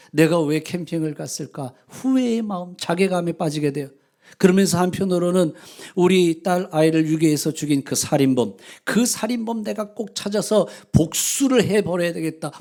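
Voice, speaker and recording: Gravelly, animated middle-aged pastor. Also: male voice, high-pitched. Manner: dramatic, expressive retelling of a story. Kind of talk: sermon storytelling.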